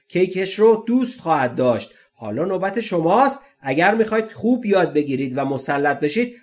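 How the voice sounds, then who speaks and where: Male English tutor, fairly high voice with a lot of melody, reads slowly, explains fast. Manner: asks the listener questions and answers them himself. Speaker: English teacher. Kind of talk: language lesson, reading and explaining sentences.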